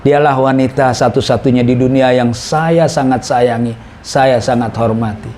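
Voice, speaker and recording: A man voicing a devoted teenage boy who speaks calmly and earnestly, pleading gently as part of a sermon. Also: medium pitch, normal speed, slight background noise, pitched below the performer's own voice, close to an everyday voice. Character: devoted teenage boy, calm and self-sacrificing.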